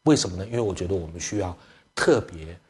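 A man's voice: sits low, quick pace. A middle-aged man, a church elder, preaching to parents through family stories, acting out dialogue and dropping English phrases into his speech. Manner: lively storyteller, acts out family dialogue. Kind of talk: sermon storytelling to parents.

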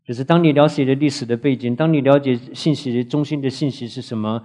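Man, Bible teacher, classroom lecture, earnest, asks the class questions, mid-pitched voice. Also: warm tone. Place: classroom with students.

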